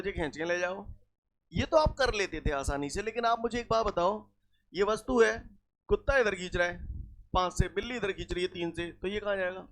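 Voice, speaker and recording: A man with a fairly high, slightly bright voice teaches physics to a class. He works through things step by step using everyday examples, repeats the main points, drops in rustic dialect words, and keeps asking if the students are following.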